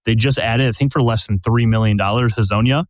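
A man's voice: medium pitch, a little fast, no echo. A man hosting a podcast, steadily laying out questions and scenarios in casual sports chat. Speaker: podcast host.

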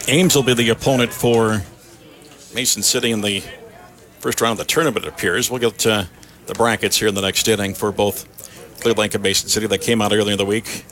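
A man working as a radio baseball announcer, giving play-by-play from an outdoor ballpark in short, clipped phrases with pauses between calls. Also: fairly low pitch, steady tone, fairly bright tone.

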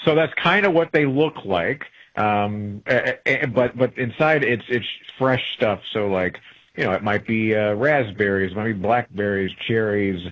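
A man's voice: on the low side, moderate pace, fairly bright tone. Man on muffled AM radio, rambling. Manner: rambling, with many filler words and restarts. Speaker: traveling correspondent. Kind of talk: casual call-in chat on a radio talk show.

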